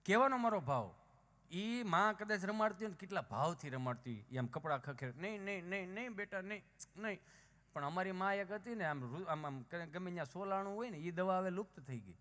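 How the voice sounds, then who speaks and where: A man's voice: high voice, animated, fairly quick, pushed and bright. A man performing live folk stand-up, acting out village characters with shifting voices. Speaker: folk comedian on stage. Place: outdoor or hall folk stage. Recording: live stage with long hall reverb.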